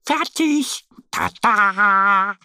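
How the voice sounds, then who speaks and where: A man voicing a cheerful, helpful little female duck with a high, eager, chirpy voice. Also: huge pitch swings, takes it slowly, creaky, a bit bright, no room sound, studio quality, exaggerated voice. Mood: triumphant.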